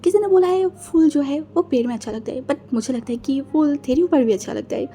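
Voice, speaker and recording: A woman's voice: sits high, a little fast, mellow, slight background noise, lightly acted. A woman voicing a playful, cheerful young man who coaxes and teases, in a storybook reading. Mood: coaxing. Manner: coaxing, teasing.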